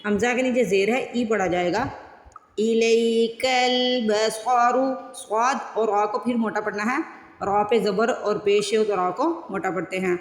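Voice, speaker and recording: A woman teaching Quran recitation, chanting verses slowly and drawn out, then explaining each sound step by step. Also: mid-range voice. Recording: roomy with long reverb.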